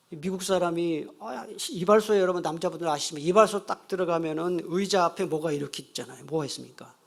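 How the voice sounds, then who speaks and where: A man's voice: on the high side, creaky. A man, the pastor, giving a sermon and telling a funny story while asking the congregation questions. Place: church sanctuary.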